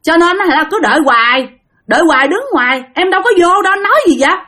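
A woman's voice: very high voice, expressive, fast talker, bright, forceful tone, pitched above the performer's own voice, full character voice. A woman voicing a shaken young man who complains that he was left waiting outside. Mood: upset. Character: young man, shaken prankster, pleading and whiny.

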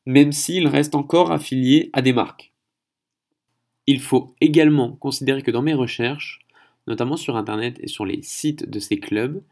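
Gravelly French man podcasting solo. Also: mid-range voice, a little mellow. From France. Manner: chatty, hesitant, stumbles on foreign names. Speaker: podcast host.

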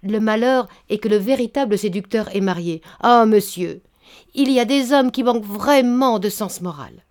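A woman reading a story aloud, voicing an old spinster matchmaker who speaks in a flattering, unctuous way. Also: medium pitch, moderate pace, natural voice. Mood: honeyed. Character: old honey-tongued spinster matchmaker, scheming. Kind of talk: audiobook reading.

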